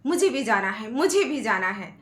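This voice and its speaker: A woman doing a shrill little village boy. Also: sing-song, moderate pace, a bit bright, echoey room. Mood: whiny. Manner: shrill, pleading, crying out. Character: small village boy, whiny and scared.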